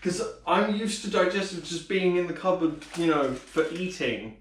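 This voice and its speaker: A man's voice: sits high, animated, moderate pace, a little hiss or hum. A young man chatting casually while baking in a home kitchen, playful and mock-dramatic. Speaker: co-host baking with his brother. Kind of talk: casual joking chat. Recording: roomy kitchen, mic at a distance.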